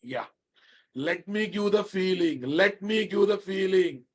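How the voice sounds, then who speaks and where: A man's voice: high voice, animated, measured pace. A man with a Telugu Indian English accent lecturing live as a programming instructor, emphatic and repetitive, prodding and chiding his students with questions.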